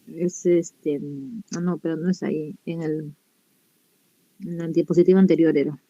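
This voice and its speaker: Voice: mid-range voice, little pitch movement, moderate pace, warm tone, dry recording. Hesitant student on a dull line. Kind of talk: question in class.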